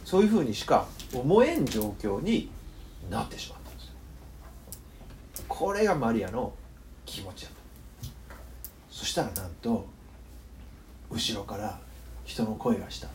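Lively northern Kyushu pastor preaching. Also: male voice, mid-range voice, normal speed, pauses often, a little hiss or hum. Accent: northern Kyushu Japanese. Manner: animated storytelling, acting out the people in the story, joking. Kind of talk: sermon.

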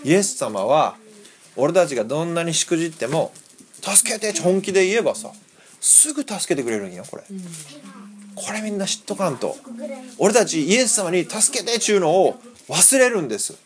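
Animated male preacher acting out the story. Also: sits high, moderate pace. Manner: animated, acts out voices, quizzes the audience. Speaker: pastor teaching children. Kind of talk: lively Bible lesson.

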